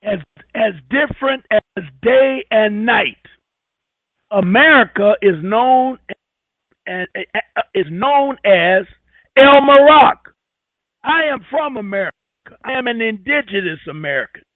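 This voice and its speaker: High-voiced man preaching over a phone line. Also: expressive, measured pace, dry recording. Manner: preachy and scornful, hammering points by repetition. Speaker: radio show host. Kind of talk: emphatic talk radio lecture. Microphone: telephone.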